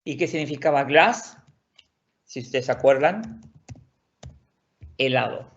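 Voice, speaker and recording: Man, online language teacher, patient, repetitive explainer; gravelly, dull lo-fi recording. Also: medium pitch, animated, measured pace. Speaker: Swedish teacher. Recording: dull lo-fi audio.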